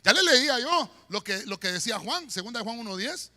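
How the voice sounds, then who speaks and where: A pastor preaching a sermon in a church, swinging between shouts and quiet murmurs. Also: male voice, extremely high pitch, sing-song, a little fast. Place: church sanctuary. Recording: long church hall reverb.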